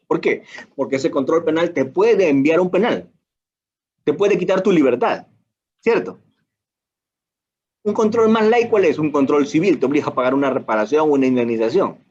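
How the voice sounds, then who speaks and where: Peruvian male law lecturer, husky, talks through rhetorical questions and casual asides; dull, lo-fi sound. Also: fairly high pitch, a little mellow. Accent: Peruvian Spanish. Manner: asks and answers his own rhetorical questions; colloquial asides.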